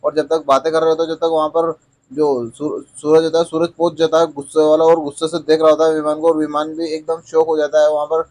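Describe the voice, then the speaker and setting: A young male vlogger retells a TV serial episode in a rambling, repetitive way. His voice sits a little high. His delivery is flat, with little change in pitch. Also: quick pace, rough recording. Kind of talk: TV serial plot recap.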